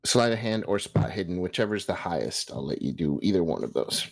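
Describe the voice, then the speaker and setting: A man's voice: deep voice, sing-song, a little fast, creaky, no echo. A young man running a tabletop role-playing game as game master, talking with many hesitations. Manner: hesitant, many ums, laughs.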